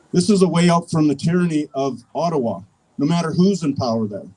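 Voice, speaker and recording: A Canadian man speaks at a political rally in a mellow, relaxed timbre, pitched slightly high for a man. He is earnest and declarative, setting out each phrase in a measured way as an activist addressing supporters. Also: low-quality recording. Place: public rally, speaking to an audience.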